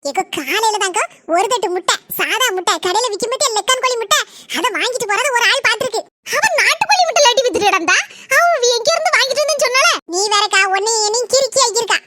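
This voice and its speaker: A woman voicing bickering village family members in a cartoon comedy, with a Kanyakumari Tamil accent and quick teasing, scolding banter. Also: very high-pitched, lively intonation, sharp tone, dry recording, exaggerated voice. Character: squeaky village women and men of a bickering family.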